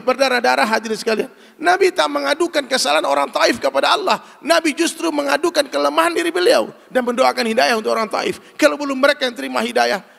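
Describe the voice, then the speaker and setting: A man delivers an emphatic, animated sermon in a voice pitched very high for a man, with a gravelly, crackling edge. He calls out to his listeners directly as he drives each point home. His words ring out with a long reverb, as if he stands in a large hall before an audience. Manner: emphatic and animated, addresses listeners as "Pak", acts out dialogues. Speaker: preacher. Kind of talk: sermon to a gathering.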